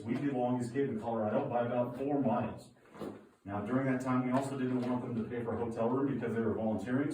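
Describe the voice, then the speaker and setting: A man guiding a group through a cave in a relaxed, lightly joking way, his voice ringing with heavy cave echo. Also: medium pitch. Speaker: cave tour guide. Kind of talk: guided tour talk. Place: inside a cave. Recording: echoey cave, distant, noisy.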